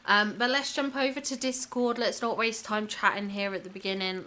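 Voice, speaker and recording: A woman's voice: mid-range voice, a bit bright. A woman hosting a casual video review, slightly sniffly with a cold, gushing with praise as she comments. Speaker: channel host.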